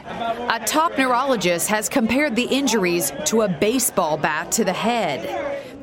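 An American woman correspondent narrating a scripted TV news report. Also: medium pitch.

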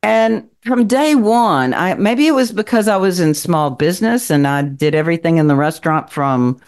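An Appalachian Kentucky woman in her sixties, guesting on a podcast as a city council member, shares stories in a chatty, laugh-filled way. Her voice sits on the low side, animated, a little mellow and smooth, moving at a moderate pace.

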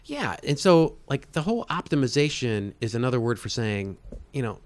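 A man's voice: medium pitch, big pitch swings, moderate pace. A man in his mid-fifties, a guest in a casual interview. He explains things at length in a rambling way, often breaking off and restarting his sentences. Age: 50s. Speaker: guest, state agency head.

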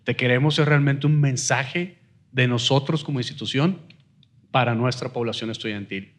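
A man's voice: mid-range voice, normal speed. Man hosting a podcast. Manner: friendly, steers the talk toward closing. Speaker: podcast host. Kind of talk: casual podcast conversation.

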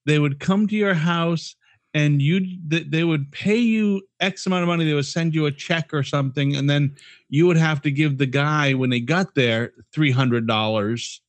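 A man's voice: a little high, normal speed, dry recording. A man co-hosting a casual comedy podcast, talking with profane, laughing asides. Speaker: podcast co-host.

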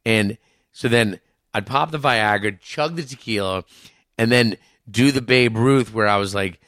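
A middle-aged author, appearing as a podcast guest, tells candid stories in a conversational way, unhurried and frank, with self-mocking humour and casual cursing. His voice is lowish yet fairly bright in tone, and the sound is close and dry, with no echo or room around it.

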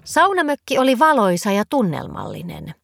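A woman narrating a children's story in a gentle, expressive reading voice. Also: mid-range voice, gravelly, dry recording.

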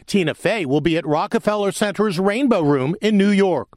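A man's voice: high voice, expressive, normal speed, darkish tone, dry recording, clean studio sound. A man reading scripted tabloid TV news narration as an entertainment reporter. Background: music bed.

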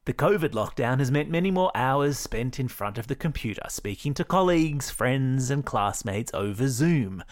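A man's voice: mid-range voice, expressive, moderate pace, few pauses, no echo, clean studio sound. An Australian man hosting a kids' news podcast, reading scripted stories in an upbeat, playful way with jokey asides.

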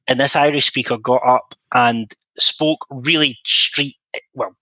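Bright-voiced man musing with restarts. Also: medium pitch, fairly even intonation, slow, no room sound, low-quality recording. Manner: thoughtful, hesitant, many restarts. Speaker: interpreter guest. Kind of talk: casual podcast chat.

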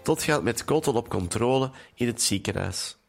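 A man calmly retelling a film's story as narrator. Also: medium pitch, normal speed, creaky, soft background music.

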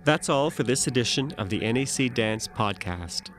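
A man's voice: mid-range voice, animated, moderate pace, a bit bright. A man reading a scripted podcast outro over music. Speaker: podcast announcer. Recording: music behind the voice.

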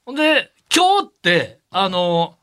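A man with a Kansai accent co-hosting a comedy radio podcast in a studio, firing off sharp, teasing retorts. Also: high-pitched, very animated, slow, clean tone. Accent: Kansai Japanese. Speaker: comedy duo radio host. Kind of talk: comic banter on a radio podcast.

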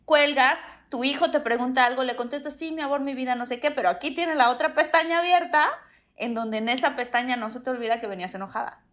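A woman's voice: high voice, fast talker, a bit bright. A woman with a Mexican accent chatting casually as a podcast co-host, laughing and explaining things with energy. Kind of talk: casual chat.

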